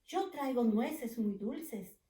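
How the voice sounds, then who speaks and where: A woman voicing a smiling, friendly badger in a storybook reading, speaking slowly. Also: fairly high pitch, animated, mellow. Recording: echoey room, mic far off.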